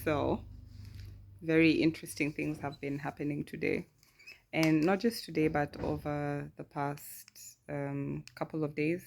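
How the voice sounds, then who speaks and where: A woman's voice: sits low, flat delivery, a little slow, creaky, darkish tone, a little hiss or hum. A young woman chatting casually to camera in a vlog, talkative and laughing often. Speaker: vlogger. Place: friend's room indoors.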